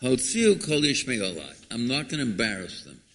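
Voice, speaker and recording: A man delivers a sermon, his voice at a middling pitch. He is dramatic and emphatic, asking questions and repeating phrases for weight. Long reverb from a big hall trails his words. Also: very animated, fairly quick. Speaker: rabbi giving a Torah lecture. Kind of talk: sermon, expounding scripture.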